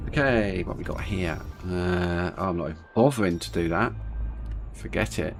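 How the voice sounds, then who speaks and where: A man's voice: sits low, moderate pace, soft background music. A man with a speech impediment on R and S, saying w for r, chatting casually and rambling as he streams a game. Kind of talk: casual rambling gameplay chat. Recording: clear background noise, vehicle-like game ambience.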